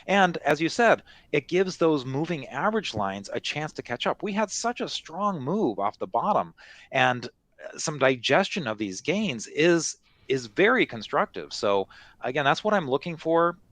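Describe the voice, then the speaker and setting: A man's voice: fairly high pitch, very animated, a little slow, fairly bright tone, no room sound. A man giving unscripted market commentary as an analyst, explaining things conversationally with frequent little check-in phrases. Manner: conversational, explanatory, peppered with "you know" and "right?".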